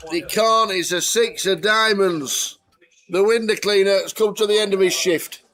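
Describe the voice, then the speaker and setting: A man calling poker play by play in a measured, deliberate style, in short clipped phrases. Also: sits high, a bit bright. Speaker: poker commentator.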